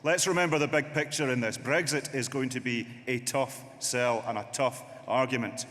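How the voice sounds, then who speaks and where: A man's voice: mid-range voice, fairly even intonation, moderate pace, fairly bright tone. A man giving an emphatic political speech from the lectern at a party conference. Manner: rousing, emphatic oratory. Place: large conference hall. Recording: reverberant hall, faint noise.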